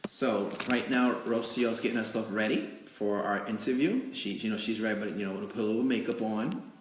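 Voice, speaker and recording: A fairly low-voiced man, a magazine editor, hosts an improvised live interview show from a cake studio, a roomy, echoing indoor space with slight background noise. He talks casually and haltingly, rambling along to fill time.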